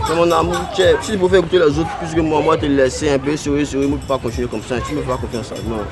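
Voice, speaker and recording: A man's voice: a little high, steady tone, rapid-fire, over music, a crowd in the background, lightly acted. An actor playing a young man breaking up with his girlfriend, reproachful.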